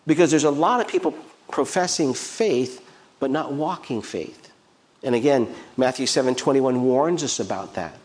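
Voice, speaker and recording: A man's voice: medium pitch, animated, normal speed, darkish tone. A man preaching a sermon as pastor in a church, emphatic, with repeated phrases and rhetorical questions. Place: church sanctuary.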